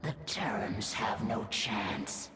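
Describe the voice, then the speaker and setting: Slow, echoing insect alien brood mother. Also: very deep voice, fairly bright tone, heavily acted. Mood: ominous. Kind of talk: video game voice acting. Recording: echoing, distant, music underneath.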